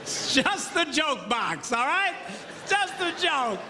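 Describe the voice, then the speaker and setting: A man in his fifties, a pastor, telling comic marriage stories in a lively seminar style that keeps jumping into high impressions. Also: slow pace, long reverb tail, noisy background. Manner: animated storytelling, jumps into high impressions.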